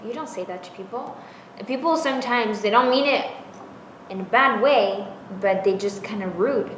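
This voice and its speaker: A woman's voice: fairly high pitch, normal speed, a bit bright. A young woman, an international student, speaking frankly in an interview. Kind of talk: interview testimony. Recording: roomy with background noise.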